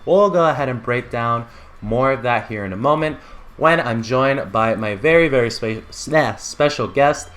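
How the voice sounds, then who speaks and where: A man's voice: mid-range voice, moderate pace, fairly bright tone. A man hosting an esports results show in a casual, enthusiastic, informal way. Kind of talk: casual esports recap and co-host chat.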